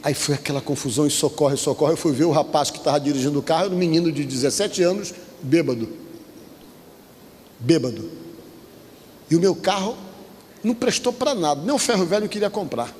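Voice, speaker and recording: Pastor brasileiro pregando com voz aguda. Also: male voice, a little high, fairly quick, pauses often, a little mellow, long reverb tail, slight background noise. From Brazil. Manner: storytelling, acts out quoted voices. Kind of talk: sermon with personal testimony. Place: church.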